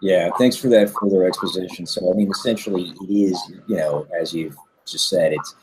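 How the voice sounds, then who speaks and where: A man hosting an interview, asking measured questions and summarizing his guest's points. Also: low-pitched, steady tone, background noise. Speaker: interview host.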